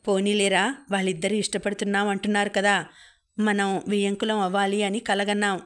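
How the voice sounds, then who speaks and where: A woman reading as a gentle, peacemaking father. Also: mid-range voice, monotone, brisk, lightly acted. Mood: coaxing.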